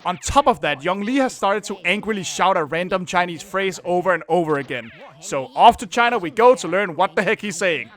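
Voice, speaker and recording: A man hosting a comedic retro game review, cracking jokes and breaking into exaggerated mock panic. His voice is high and bright, and his delivery stays energetic throughout. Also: brisk, hardly any pauses. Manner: jokey, with exaggerated outbursts.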